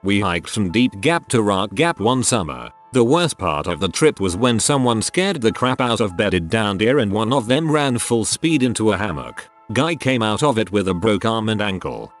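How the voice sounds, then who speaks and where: A man with a low voice reads forum stories aloud in a steady, scripted narration. His pitch moves up and down a lot as he reads, and faint music plays underneath. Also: normal speed, few pauses.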